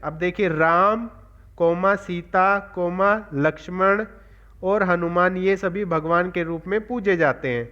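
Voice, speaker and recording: Slow, high-voiced Hindi teacher. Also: male voice, a bit bright. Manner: slow, explanatory, repeats examples. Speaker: assistant professor and teacher. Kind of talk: classroom lesson. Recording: dull lo-fi recording.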